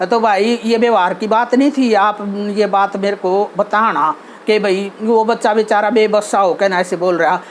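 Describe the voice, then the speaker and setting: A woman's voice: mid-range voice, normal speed, hardly any pauses. An earnest woman with a Haryanvi accent talks plainly about how people should behave, stopping often to search for words. Her voice sits in a middling range. A faint hiss runs under the recording. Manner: earnest, repeats herself, many fillers and restarts. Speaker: channel host giving advice. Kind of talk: casual talk on social behavior.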